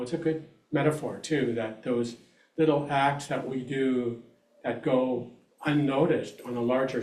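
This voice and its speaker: A man leading a congregation sharing circle, musing slowly and trailing off. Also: medium pitch, a little mellow. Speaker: service leader. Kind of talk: casual group sharing. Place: large echoey church hall. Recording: echoey hall, far mic, faint noise.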